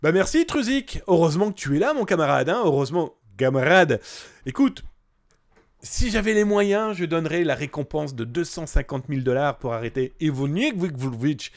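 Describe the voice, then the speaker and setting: A man with a fairly high voice hosts a casual live news stream. He is chatty and jokey, greets viewers by name and reads their comments aloud. He swings between lively bursts and quiet asides. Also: brisk, gravelly, faint music behind.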